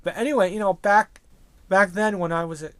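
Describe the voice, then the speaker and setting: A man's voice: high-pitched, fairly even intonation, brisk, a bit bright, no echo. Rambling man reminiscing to camera. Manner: rambling, with many restarts and asides. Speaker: toy collector vlogger. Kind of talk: casual reminiscing monologue.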